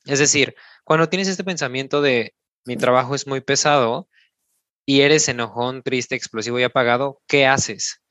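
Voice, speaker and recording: A man's voice: medium pitch, moderate pace, a bit bright, dry recording. A man with a Mexican accent, a podcast coach talking listeners through an exercise step by step, often tagging his sentences with a questioning "no?". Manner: explains step by step, tags sentences with "¿no?". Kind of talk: instructive podcast talk.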